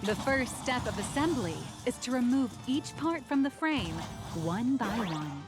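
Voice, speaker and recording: A high-pitched, upbeat female demonstrator from a video game. She guides and sells like a polished commercial, grand and persuasive, with music clearly behind her. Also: lively intonation, measured pace. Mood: salesy. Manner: smooth ad-read delivery, grandly persuasive. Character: polished, upbeat female toy-company demonstrator guiding assembly. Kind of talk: scripted sales-pitch video game acting.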